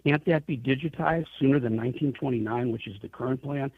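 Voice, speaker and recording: This man's medium-pitched, husky voice moves at a quick pace down a tinny, narrow phone line. Chief executive of an airline trade association, he's a radio interview guest giving advocacy answers, making his case forcefully through pointed rhetorical questions.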